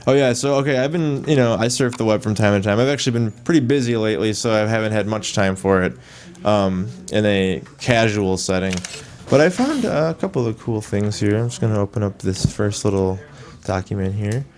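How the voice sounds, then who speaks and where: A man's voice: lowish voice, a little fast, a little mellow. A man hosting a casual radio talk show. He jokes crudely and laughs often. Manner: joking, laughs a lot, crude humor. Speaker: host.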